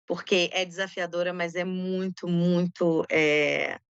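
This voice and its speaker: A woman lecturer giving an informal online academic talk on interview research, talking quickly with many fillers. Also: lowish voice, fairly even intonation, smooth, dry recording, lo-fi sound. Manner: fast, informal, full of fillers.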